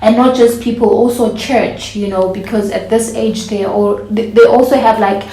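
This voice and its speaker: A woman's voice: on the high side, steady tone, normal speed, dark tone. A woman, chatting casually to camera as a vlogger and laughing often. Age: 20s. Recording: echoey room.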